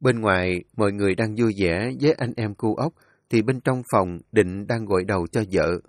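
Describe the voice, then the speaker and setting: A man narrating an emotional family story in a slow, expressive storytelling manner. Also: fairly low pitch, no echo, clean studio sound.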